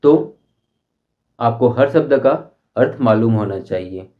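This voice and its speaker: Man, English teacher, slow deliberate explaining, repeated examples, dull lo-fi recording. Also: mid-range voice. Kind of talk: Hindi-language English lesson.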